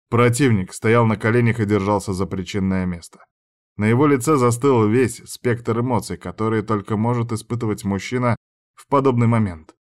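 A man narrating a first-person audiobook with an even, dramatic storytelling delivery. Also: lowish voice.

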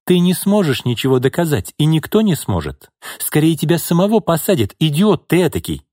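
A man's voice: big pitch swings, fairly quick, darkish tone, dry recording, studio quality. A man reading an audiobook, voicing a furious, scheming young woman who screams and mocks. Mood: contemptuous. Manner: shrill, screaming, mocking.

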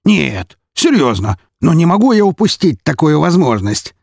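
A man's voice: fairly high pitch, normal speed, vocal fry, no echo, clean studio sound, pitched above the performer's own voice, full character voice. A man voicing a scarred, cunning count with a mocking, gleeful manner. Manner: mocking, gleeful, raised lively delivery.

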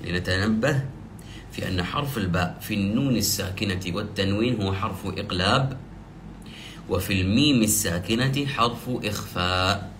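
A man teaching the rules of Quranic recitation, explaining step by step and slowly drawing out the example verses he recites. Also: on the low side, background noise. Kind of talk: tajweed lesson.

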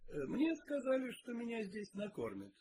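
A man's voice: very high-pitched, huge pitch swings, normal speed, noisy background, pitched above the performer's own voice, full character voice. A man reading aloud and voicing a brash, teasing young male detective in a raised voice. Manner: cheeky, teasing.

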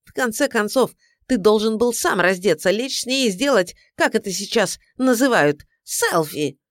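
A woman voicing a domineering, scheming middle-aged mother-in-law who scolds in a shrill, indignant voice for an audiobook. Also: sing-song, moderate pace, no room sound, clean studio sound. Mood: furious. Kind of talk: audiobook character voice.

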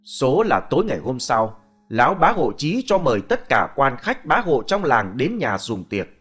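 A man narrating a ghost story as a storyteller, with expressive, animated delivery. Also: medium pitch, normal speed, husky, soft background music.

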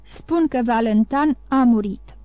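A woman voicing a grave, solemn male doctor in an audiobook, speaking slowly. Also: a little high, mellow, clear, resonant tone, no room sound, natural voice.

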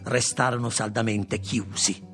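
A man reading a literary story aloud as an audiobook narrator, in a gravelly, husky voice with expressive, dramatic delivery. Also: fairly low pitch, measured pace, music in the background. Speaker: audiobook reader.

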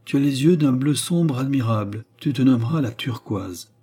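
A man voicing a scheming, mocking baronet of about thirty, raising his voice to sound smooth, teasing and coldly calculating in an audiobook reading. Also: mid-range voice, animated, normal speed, mellow.

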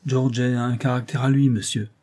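A man's voice: mid-range voice, level tone, normal speed, darkish tone, lightly acted. A man reading the part of a nervous, shabby old father-in-law who talks in a fussy, repetitive, placating way.

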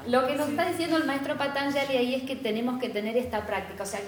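A woman's voice: sits high, steady tone, fast talker, a crowd in the background. A woman with a Rioplatense Spanish accent giving a spiritual class lecture, engaging and often checking in with her students. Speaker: spiritual teacher. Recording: echoey room.

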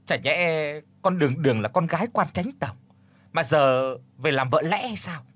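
A man voicing a harsh older village official who speaks loudly and with scorn. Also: on the high side, animated, moderate pace, husky, dry recording. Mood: scornful. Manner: loud, scornful.

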